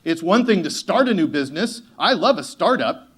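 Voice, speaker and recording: A man giving a motivational conference talk, animated and joking, acting out the voices of the people he quotes. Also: high voice, fairly quick, breathy edge. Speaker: keynote speaker.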